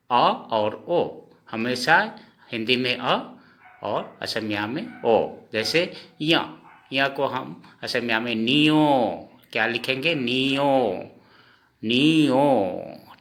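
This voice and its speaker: A man teaching a lesson, repeating each sound slowly and asking his own questions before answering them. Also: medium pitch, bright, forceful tone. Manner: often says "okay friends". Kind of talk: slow spoken lesson.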